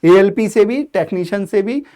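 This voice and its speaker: A man teaching an exam-prep lesson in a casual, direct way. His voice sits high for a man and comes across smooth and clear. He talks to his students like a coach, with plenty of fillers and quick restarts. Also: expressive, dark tone.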